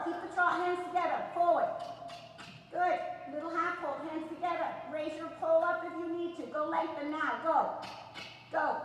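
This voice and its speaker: A woman coaching a riding lesson with brisk, projected commands and frequent short, encouraging praise. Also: sits high. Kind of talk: live riding lesson commentary. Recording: echoey hall, distant mic, faint noise.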